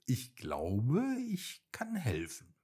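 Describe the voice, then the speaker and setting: A man's voice: mid-range voice, huge pitch swings, extremely slow, dark tone, slightly rough, full character voice. A man voicing a curious, sly male fox in a bedtime story, friendly and knowing.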